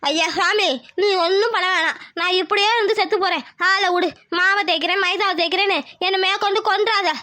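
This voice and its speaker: A woman's voice: very high-pitched, steady tone, fairly quick, few pauses, bright, forceful tone, no echo. A woman voicing a grumbling old village woman in a cartoon, wailing and scolding over a burnt tongue. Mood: complaining.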